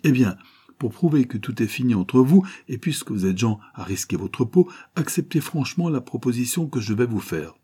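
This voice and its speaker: A man lifts his voice to play a jovial adventurer who talks fast and warmly to win people over. The lines ring higher and brighter than the narration, full of cheerful coaxing, and keep a husky edge. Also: big pitch swings. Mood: persuasive. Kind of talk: audiobook character reading.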